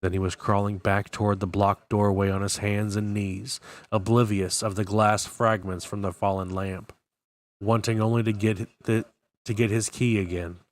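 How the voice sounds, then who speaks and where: A man's voice: on the low side, little pitch movement, moderate pace. A man reading a novel aloud for a book club, in plain narration with occasional self-corrections.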